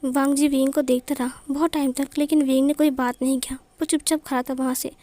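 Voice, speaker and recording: ऊँची आवाज़ वाली कहानी सुनाती महिला. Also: female voice, sits high, little pitch movement, brisk, warm tone, dry recording. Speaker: fan fiction narrator. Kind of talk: storytelling narration.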